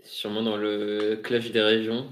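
Soft-spoken, halting man, roomy echo. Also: on the low side, monotone. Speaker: show commentator. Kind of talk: casual live-show chat.

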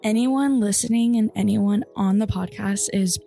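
A woman's voice: mid-range voice, normal speed, creaky, warm tone, soft background music. A young woman hosting a casual podcast chat, bubbly and full of fillers. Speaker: podcast host.

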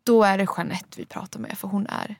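A woman's voice: mid-range voice, fairly even intonation, darkish tone, no room sound. A young woman from Sweden co-hosting a podcast, talking in an earnest, emphatic, chatty way. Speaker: podcast co-host. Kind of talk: casual chat.

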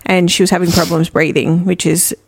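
A woman's voice: fairly low pitch, level tone, fairly quick, creaky, slight background noise. A woman, co-hosting a podcast and telling a rambling anecdote in casual chat, swearing freely. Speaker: podcast co-host.

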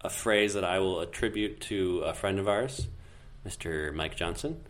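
A man in his thirties co-hosting a casual podcast from home, talking in a relaxed, rambling way with fillers. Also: low voice, normal speed. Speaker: podcast co-host. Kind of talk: casual chat.

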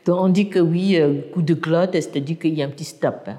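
A woman's voice: sits low, fairly quick, warm tone, in a large hall. A native Burmese-speaking woman, a university lecturer, explaining her language in an interview with hesitant, restarting speech.

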